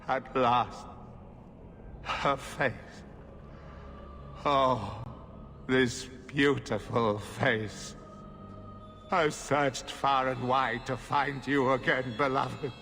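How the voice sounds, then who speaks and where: A deranged, lovelorn necromancer from a fantasy game, speaks slowly and reverently in a mid-pitched voice. He sounds grandiose and obsessive, and his words ring through a long hall with faint music beneath. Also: steady tone, vocal fry, fairly bright tone, heavily acted. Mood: tender obsession. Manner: slow, theatrical, reverent. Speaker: villain in a fantasy video game. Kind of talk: dramatic video game voice acting.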